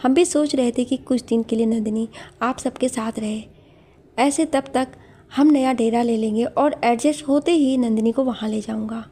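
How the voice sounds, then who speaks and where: A woman voicing a gentle, apologetic young husband, speaking in a soft pleading tone. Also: a little high, moderate pace, slightly rough.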